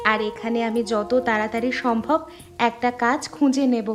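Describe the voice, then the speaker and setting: A woman's voice: a little high, fairly even intonation, normal speed, over music, natural voice. A woman voicing an earnest, reassuring young woman, the elder daughter in a dubbed cartoon. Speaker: cartoon voice actor. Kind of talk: cartoon dubbing.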